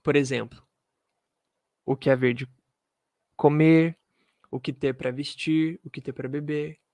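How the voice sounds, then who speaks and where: Slow, dry-voiced man teaching English. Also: a little high, fairly even intonation, darkish tone, no room sound. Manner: slow, drilling pronunciation with repetitions. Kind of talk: video lesson. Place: room with pens and a globe.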